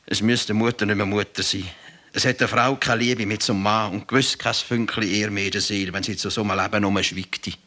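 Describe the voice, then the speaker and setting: A man with a Swiss German accent reads a folk tale aloud in a dramatic storytelling manner. His voice is bright and forceful, sitting a little low, and he moves readily into the voices of the people in the story. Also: fairly even intonation, a little fast. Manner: dramatic, shifts into quoted voices. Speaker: narrator.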